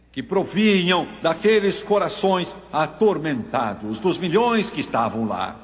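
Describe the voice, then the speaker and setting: A man delivers a dramatic sermon at a very slow, deliberate pace, his voice sitting a little high. He tells his story solemnly and presses each point home. A long reverb trails his words. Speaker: preacher.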